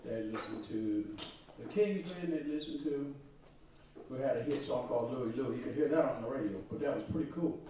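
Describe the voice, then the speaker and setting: Brief: middle-aged man, laid-back rambling talker, warm tone, dull lo-fi sound. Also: medium pitch, brisk, slight background noise. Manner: relaxed, rambling storytelling with fillers. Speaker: guitarist presenting to students. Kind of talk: spoken school presentation. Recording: dull echoey room from far off.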